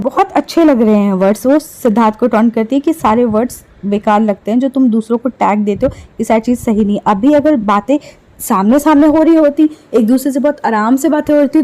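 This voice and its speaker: A woman's voice: a little high, brisk, darkish tone, poor audio. A woman giving casual, sarcastic gossip commentary on reality show clips, taunting the people she talks about.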